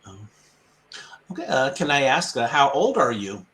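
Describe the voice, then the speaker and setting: A man's voice: mid-range voice, big pitch swings, normal speed, fairly bright tone, slight background noise. A man from the United States, tutoring English in casual conversation practice. He repeats the student's answers back patiently and chuckles often.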